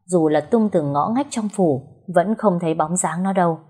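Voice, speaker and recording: Husky woman narrator. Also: lowish voice, normal speed. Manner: steady storytelling. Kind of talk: audio story narration.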